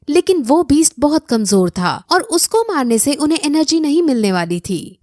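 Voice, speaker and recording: Lively high-voiced woman narrating a story. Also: no room sound, clean studio sound. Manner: steady plot retelling with English loanwords. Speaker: anime recap narrator.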